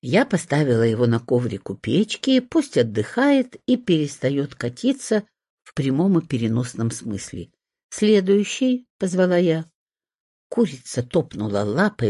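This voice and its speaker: Husky, low-voiced woman storyteller. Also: sing-song, a little slow, mellow, dry recording, clean studio sound. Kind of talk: audiobook narration.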